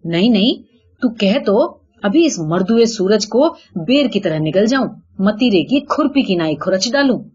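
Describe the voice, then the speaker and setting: A woman's voice: medium pitch, expressive, few pauses, mellow, lo-fi sound, close to an everyday voice. A woman voicing a hot-tempered, boastful male jackal who blusters threats through gritted teeth, in a told folk tale. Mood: furious boasting.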